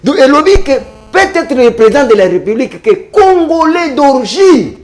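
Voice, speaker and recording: A man's voice: extremely high pitch, very animated, normal speed, a crowd in the background. A man arguing his point in a heated political debate on a talk show, emphatic and repetitive, mixing French with Lingala. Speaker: debate panelist.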